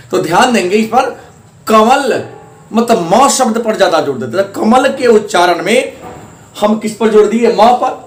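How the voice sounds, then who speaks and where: A male teacher from India explains a grammar lesson step by step, repeating his points and stressing syllables as examples. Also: high voice. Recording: echoey room.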